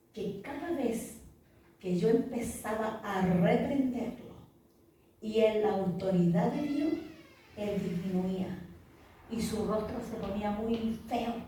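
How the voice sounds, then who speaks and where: Woman pastor, dark echoey voice. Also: a little high, a little hiss or hum. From Chile. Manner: earnest, vivid storytelling. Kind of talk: testimony in a podcast interview. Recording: echoey room, mic far off.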